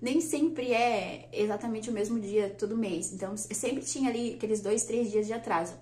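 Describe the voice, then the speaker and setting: A woman, telling a personal story on her vlog in a chatty, lively way and laughing often. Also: fairly high pitch, moderate pace. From Brazil. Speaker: vlogger. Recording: echoey room.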